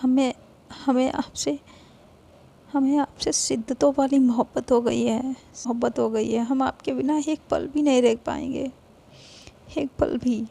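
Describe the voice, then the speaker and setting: A woman storyteller voicing a young woman pleading her deep love, speaking slowly and heartfelt. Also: steady tone, creaky, warm tone, exaggerated voice.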